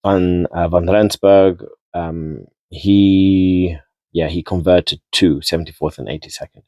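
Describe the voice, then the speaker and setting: A man's voice: low-pitched, fairly even intonation, takes it slowly, mellow, no room sound. A man giving a casual, rambling rugby match recap, repeating and restarting words as he goes. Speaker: rugby vlogger.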